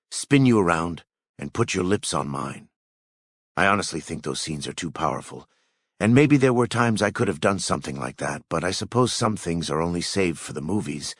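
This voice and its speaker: A man's voice: deep voice, fairly bright tone, dry recording, studio quality. A man reading a fan fiction story aloud in the first person, with a somber, grieving delivery. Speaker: story narrator.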